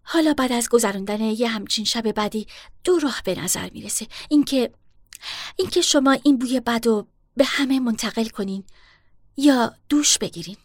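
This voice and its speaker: A woman voicing a calm, persuasive young woman in a storybook reading, polite and coaxing. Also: fairly high pitch, dry recording, studio quality, lightly acted.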